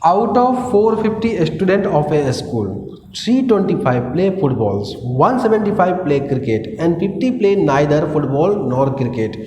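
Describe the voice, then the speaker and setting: A man's voice: on the high side, very animated, drawn-out words, warm tone. Man teaching maths at the board, keeps checking "है ना", slips into english phrases, roomy echo, faint hum behind. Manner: explaining step by step with frequent "है ना" checks; mixes English phrases into his lecture. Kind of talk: classroom lecture at a board. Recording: echoey room, faint ambience.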